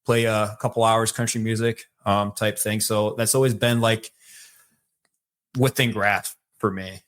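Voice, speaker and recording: A man with a Michigan accent, a podcast guest telling his life story in a relaxed, rambling way with many fillers. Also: lowish voice, measured pace. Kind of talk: casual storytelling conversation.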